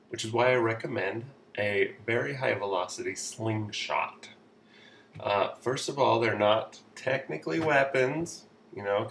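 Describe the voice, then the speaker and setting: A man's voice: medium pitch, fairly bright tone, far from the mic. A man giving sarcastic, mock-authoritative parenting advice in a comedy vlog. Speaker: comedy vlogger. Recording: roomy echo, off-mic, faint noise.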